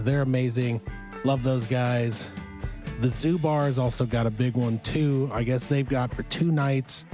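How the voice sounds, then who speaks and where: A man with a medium-pitched, slightly mellow, smoky voice hosts a podcast in a studio. In casual chat, he's upbeat and urges listeners to get out and support music.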